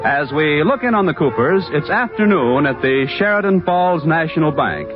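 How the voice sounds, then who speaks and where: An emphatic 1950s radio announcer introduces the show in a high, lively voice. Loud music plays under him. The sound is muffled like an old broadcast. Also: male voice, moderate pace. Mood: upbeat. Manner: bright, emphatic announcer delivery.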